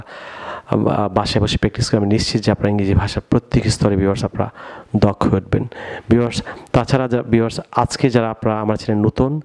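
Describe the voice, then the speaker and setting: A man's voice: fairly low pitch, a little mellow. A man with a Bangladeshi Bengali accent giving an English pronunciation lesson, often calling on his viewers and having them repeat words after him. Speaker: English teacher.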